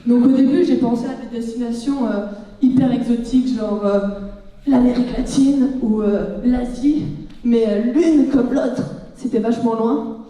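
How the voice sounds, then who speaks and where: A woman's voice: on the high side, moderate pace. Young woman joking in an echoey hall. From France. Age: young adult. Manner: lively, joking, acts out dialogue. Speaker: student speaker. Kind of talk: humorous storytelling talk. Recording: echoey hall, heard from far off.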